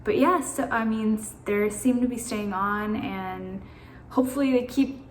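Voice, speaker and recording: Filming herself on a phone camera, this beauty vlogger talks casually in an anxious, rambling way and swears now and then. Her voice is on the high side and unhurried, and the audio is reverberant with a little hiss or hum.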